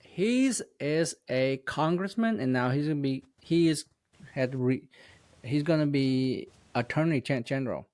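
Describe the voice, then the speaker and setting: In a casual interview, a male host asks questions, often stumbling and correcting himself. His medium-pitched voice is measured and slightly mellow, captured as clean studio sound with no room tone.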